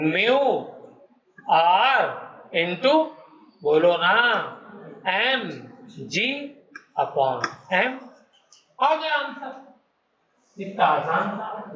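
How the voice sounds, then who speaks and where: Step by step, this male teacher leads a physics lesson, prompting students for answers in a high-sitting, fairly bright voice. Slight background noise runs under a dull, echoey classroom recording.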